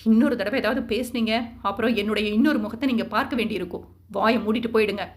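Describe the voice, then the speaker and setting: Woman doing a firm angry young guy, audio novel, highish voice. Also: quick pace, natural voice. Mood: stern. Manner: stern, firm. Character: angry young man defending his wife.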